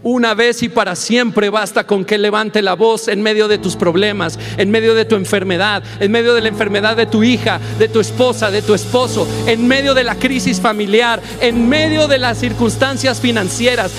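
A man preaching a sermon as pastor, impassioned and building to shouts. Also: high voice, steady tone, moderate pace, few pauses. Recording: long hall reverb, faint music behind.

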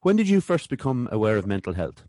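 A man's voice: medium pitch, sing-song, fast talker, mellow, dry recording, studio quality. An Irish-accented man hosting a casual podcast interview, talking informally and a little hesitantly as he muses.

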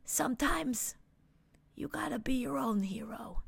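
A woman voicing a tiny, timid little man in a soft, breathy whisper, as whispered role-play within a storybook reading. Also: high-pitched, unhurried, full character voice. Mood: awed hushed.

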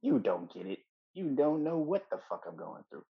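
A man co-hosting a podcast in casual chat, profane and quick to laugh. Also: mid-range voice, creaky, husky, phone-quality sound. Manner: profane, laughs a lot, animated when heated. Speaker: podcast co-host.

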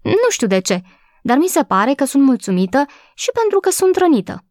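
A woman's voice: sits high, sing-song, darkish tone, no echo, studio quality, pitched above the performer's own voice. A woman voicing a sweet, grateful little girl. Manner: grateful, affectionate, eager. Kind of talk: audiobook character voice.

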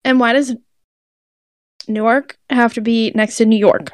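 A woman's voice: fairly high pitch, fairly even intonation, unhurried, dry recording. A young woman co-hosting a casual podcast chat, blunt and offhand, swearing freely. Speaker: podcast co-host.

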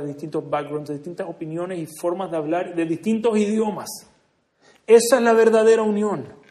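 A man giving an earnest religious speech to a gathering, moving between hushed and emphatic delivery. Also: a little high. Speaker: speaker at a community prayer gathering. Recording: echoey room.

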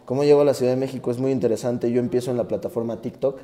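Young man, Mexican accent, mellow warm voice, earnest reflective storytelling. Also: mid-range voice, steady tone, rapid-fire. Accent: Mexican Spanish. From Tabasco, Mexico. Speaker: guest, rapper. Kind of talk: casual interview storytelling.

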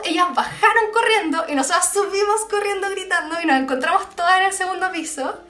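A young woman with a Chilean accent tells a scary story in a casual chat, full of slang, playing out screams and quoted voices. Her voice sits high. The room echoes, with faint music behind her. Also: fairly bright tone. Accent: Chilean Spanish.

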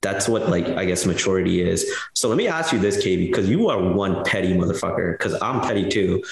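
Deep gravelly man in an echoey room. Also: lively intonation, brisk. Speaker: podcast co-host. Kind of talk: casual chat.

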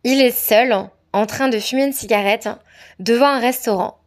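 This French storyteller's voice is fairly high and moves at normal speed, with slight background noise. She recounts a personal anecdote to camera, conversational, candid and a bit hesitant.

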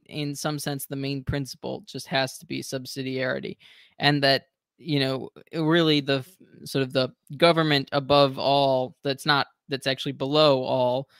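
A man's voice: mid-range voice, fairly bright tone, smooth, no echo, clean studio sound. A man agreeing in a casual political discussion, hesitant and full of fillers.

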